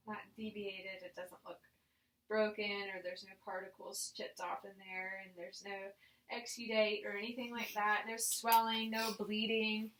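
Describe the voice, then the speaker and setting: A woman's voice: on the high side, sharp tone, low-quality recording. A woman demonstrating a clinical exam, informally explaining each step and giving instructions to her patient. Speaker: examiner demonstrating a nursing head assessment on a patient.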